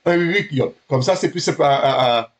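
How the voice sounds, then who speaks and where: In a mid-range voice, a man teaches a beginner Hebrew class, pausing haltingly and correcting himself. He's patient, checking that his students understand.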